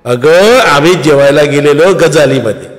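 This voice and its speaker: A man's voice: a little high, normal speed, lightly acted. A male storyteller voicing a defiant, ambitious young actress of about twenty, brash and self-assured. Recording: long reverb, faint music.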